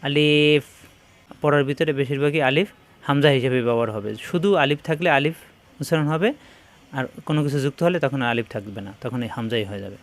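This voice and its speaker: A man teaching a Quran pronunciation lesson, drawing out each Arabic letter sound slowly and firmly. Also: mid-range voice. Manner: slow, drawn-out demonstration of letter sounds.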